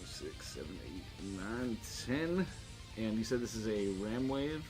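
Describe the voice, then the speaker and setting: A man with a lowish voice narrates a tabletop role-playing game as game master, speaking slowly but with lots of animation. His delivery is casual and informal, with some swearing, and music plays in the background.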